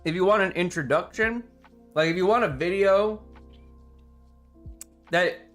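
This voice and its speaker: Chatting casually on a livestream, a man with a high-sitting, slightly bright voice rambles enthusiastically, a little slowly, tossing in some casual swearing. Music plays in the background behind him.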